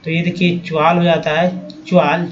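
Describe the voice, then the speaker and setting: A man's voice: fairly high pitch, level tone, normal speed, dull audio. Man teaching spelling from slides. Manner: explains patiently, often asks "है ना". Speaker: English teacher. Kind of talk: slide-based language lesson.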